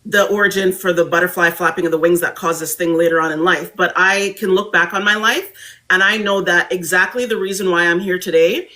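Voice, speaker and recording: A young adult woman from Barbados, appearing as a guest speaker, tells her story in an animated yet reflective conversational way. Her voice is lowish and her delivery brisk.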